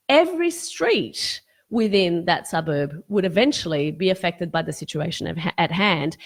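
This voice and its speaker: A woman hosting a live-streamed question-and-answer session as a fertility specialist, losing her voice and explaining things earnestly with frequent fillers and restarts. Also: medium pitch.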